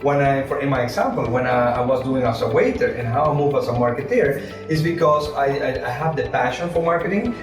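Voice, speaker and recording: A man, an English speaker, answering interview questions as an entrepreneur in a halting, repetitive, explanatory way. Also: mid-range voice. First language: not English. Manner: halting, repeats words, explains with rhetorical questions. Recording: echoey room, distant mic, music.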